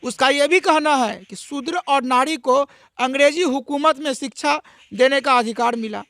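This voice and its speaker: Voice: high-pitched, normal speed, a bit bright, dry recording, clean studio sound. An interviewer who asks long, probing questions with some hesitations. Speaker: interviewer, news reporter.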